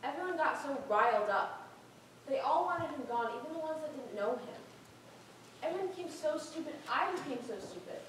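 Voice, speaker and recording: An earnest teenage schoolgirl speaks in halting, heartfelt phrases, played by a young woman on stage. Her voice is high and distant, swimming in the long echo of a hall. Faint room noise sits underneath. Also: animated. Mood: remorseful. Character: troubled teenage girl student giving a speech. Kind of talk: community theater stage play. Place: theater stage. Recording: echoey hall from far off.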